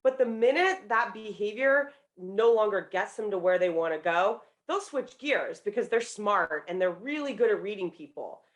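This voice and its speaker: A woman's voice: mid-range voice, expressive, normal speed, hardly any pauses. A woman in her thirties, a professor and author appearing as a guest, explaining her points fluently and confidently. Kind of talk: interview answers.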